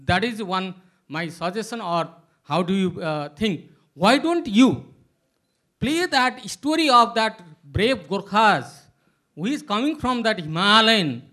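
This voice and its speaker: Guy asking the panel a question, high voice, keeps saying uh and you know. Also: expressive, pushed and bright. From Nepal. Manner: halting, many filler sounds. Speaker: audience member asking a question. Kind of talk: hesitant spoken question at a panel.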